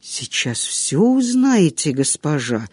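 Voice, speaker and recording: A man's voice: fairly high pitch, sing-song, darkish tone, breathy edge, dry recording, clean studio sound, heavily acted. A man doing a chatty old servant woman. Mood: garrulous. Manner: rambling, drawn-out storytelling. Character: chatty old female servant, long-winded and unhurried.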